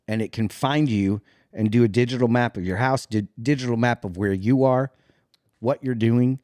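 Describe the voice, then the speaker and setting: A man co-hosting a casual talk show, delivering sarcastic jokes with a straight, deadpan tone. His voice sits at an ordinary middle pitch. It is recorded close and dry, with almost no room sound. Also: normal speed, no room sound. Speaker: podcast co-host. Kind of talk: casual panel chat.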